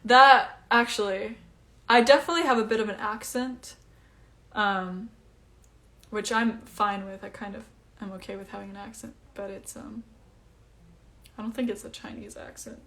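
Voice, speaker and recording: A young woman from Iceland, a singer, sits indoors at home reading and answering viewer comments on a phone livestream. She sounds chatty and breezy, peppering her speech with um's and like's. Her voice is mid-pitched and a bit bright, with fairly even intonation at a normal speed.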